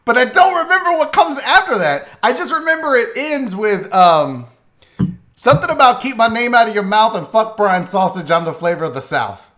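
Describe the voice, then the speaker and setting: Animated, bright-voiced man in his forties. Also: sits high, moderate pace. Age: 40s. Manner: animated storytelling, swearing. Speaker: host. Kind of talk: casual radio talk show chat.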